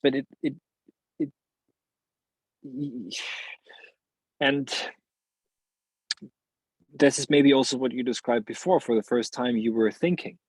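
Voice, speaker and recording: Man, philosopher guest, husky voice, dry close sound, halting restarts. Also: medium pitch, fairly even intonation, darkish tone, no echo, poor audio. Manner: searching, halting phrasing with many restarts and laughs. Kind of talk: reflective interview conversation.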